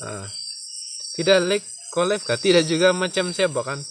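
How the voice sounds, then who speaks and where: A man's voice: sits high, animated, moderate pace. A man with a Sabah Malay accent chatting casually to his livestream viewers, stammering and repeating himself in a self-mocking way. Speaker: livestream host. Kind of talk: casual live-stream chat. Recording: noisy night recording with crickets. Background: crickets and insects chirping.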